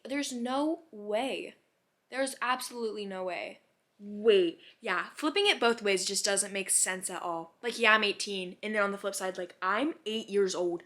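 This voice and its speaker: A mid-range, slightly bright voice belongs to a vlogger of about eighteen. She drifts through a casual, reflective chat with viewers, wondering aloud, second-guessing herself, and peppering it with "like."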